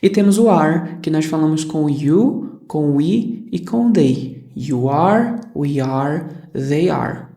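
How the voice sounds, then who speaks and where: English teacher, slow and patient, checks in a lot, kinda roomy echo. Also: mid-range voice, lively intonation, gravelly, warm tone. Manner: patient, repeats examples, checks in with "tá certo?". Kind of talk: explaining grammar in a recorded lesson. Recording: echoey room.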